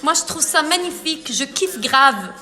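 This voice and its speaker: A makeup artist with a high, bright voice and a Quebec French accent walks viewers through her makeup in a live tutorial, animated and at a normal speed. She's chatty and playful, often reading comments aloud, with soft music playing faintly behind her.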